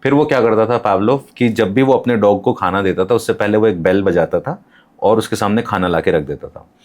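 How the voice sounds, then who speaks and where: A man's voice: fairly low pitch, brisk. A man as a podcast guest, explaining ideas with examples and English terms.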